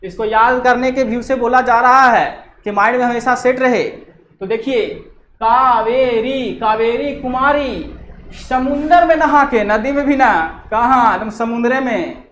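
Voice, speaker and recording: Woman teacher, chatty memory-trick lesson, higher voice, echoey room. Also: measured pace, a bit bright. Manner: chatty, switching between explaining and acted scolding quips. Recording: echoey room with faint noise.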